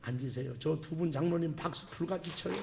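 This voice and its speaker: High, echoey male revival preacher. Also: fairly quick, vocal fry, heavy background noise. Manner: folksy, joking, swings from loud to soft. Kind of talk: revival sermon. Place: church sanctuary. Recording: echoey church hall.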